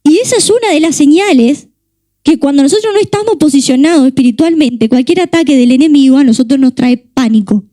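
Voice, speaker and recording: A woman's voice: sits high, animated, fairly quick, dark tone, no room sound. A young woman preaching a sermon with a Rioplatense Spanish accent, impassioned and driving home her points with repeated rhetorical questions.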